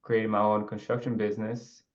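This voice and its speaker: Guest, man in his twenties, from Ecuador; low, even, unhurried delivery over a dull-sounding call line. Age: 20s. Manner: relaxed, rambling, with filler and restarts. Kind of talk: casual interview.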